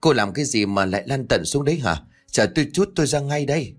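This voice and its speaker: Một người đàn ông đóng vai gã chồng thô lỗ, hoảng hốt chửi thề và quát tháo. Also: male voice, medium pitch, expressive, fast, soft background music, voice pushed up, close to an everyday voice. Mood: alarmed angry. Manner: rough and shouting. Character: coarse, panicked husband swearing.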